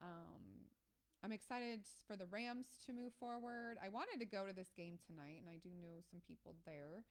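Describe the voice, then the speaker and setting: A woman from Ohio hosting a live stream, chatting casually about football and reacting to plays with lots of ums and excited outbursts. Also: medium pitch, moderate pace. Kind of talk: casual live game commentary.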